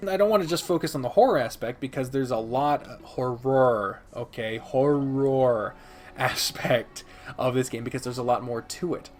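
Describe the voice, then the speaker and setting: A man with a medium-pitched voice hosts an unscripted video game review, commenting casually. He speaks emphatically and theatrically, using dramatic pauses.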